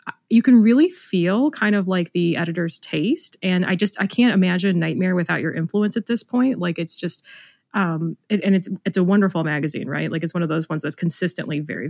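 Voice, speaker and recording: Woman co-host, lower pitch, effusive, tangent-prone. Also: fairly quick, vocal fry, a little mellow, dry recording, clean studio sound. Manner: rambling, effusive, apologizes for tangents. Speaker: podcast co-host. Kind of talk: casual interview.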